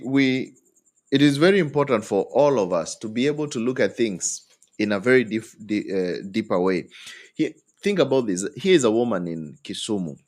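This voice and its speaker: A man giving relationship advice, his speaking voice sitting on the low side. He talks animatedly and acts out both partners in an argument, jumping high in pitch for their lines. He keeps the audience with him through frequent "hmm?" and "eh?" checks. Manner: tag questions like "hmm?" and "eh?".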